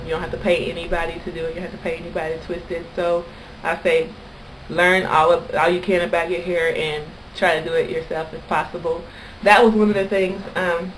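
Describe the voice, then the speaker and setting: A Kentucky woman with an American accent and a fairly low-pitched voice vlogs to camera, chatting casually and sharing anecdotes. The recording is low quality, with slight background noise.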